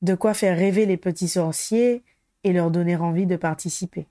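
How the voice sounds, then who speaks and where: A woman's voice: fairly low pitch, steady tone, normal speed, mellow, no echo, clean studio sound, lightly acted. A woman reading a weary reluctant wizard hero. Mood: guarded. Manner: terse and guarded.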